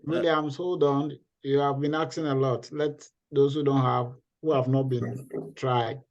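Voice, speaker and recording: A man moderating a workshop, briskly directing who speaks next. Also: mid-range voice, fairly even intonation, darkish tone. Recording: distant, dull call audio.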